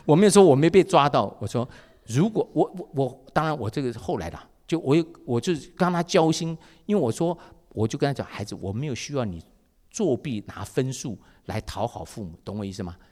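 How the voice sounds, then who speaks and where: A man preaching a sermon as pastor, telling stories with acted dialogue in a lively way. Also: mid-range voice, brisk, long reverb tail. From Taiwan.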